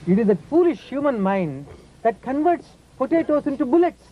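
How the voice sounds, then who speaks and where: Man, very high voice, playful preaching, muffled old recording. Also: big pitch swings, normal speed, slight background noise. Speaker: yoga teacher. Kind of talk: lively spiritual talk.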